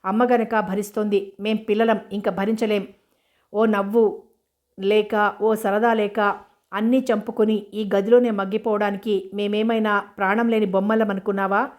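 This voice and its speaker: A woman's voice: mid-range voice, level tone, normal speed, darkish tone, natural voice. A woman reading as a defiant young widow. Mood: furious. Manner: angry, accusing outburst. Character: young widowed woman defying her harsh father.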